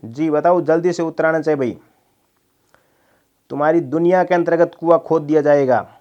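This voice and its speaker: A man with a fairly high voice teaches an online exam-prep class. He drills each word by saying it over and over slowly. He quizzes his students and teases them to answer fast. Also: darkish tone, highs cut off. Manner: playful teasing threats to hurry answers. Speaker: Hindi teacher.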